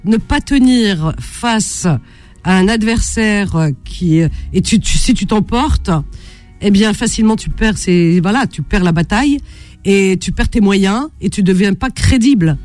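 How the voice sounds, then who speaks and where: A woman hosting a late-night radio phone-in show, chatting with callers, interjecting often and speaking warmly to them. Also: mid-range voice, a little slow, faint music behind. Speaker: radio host.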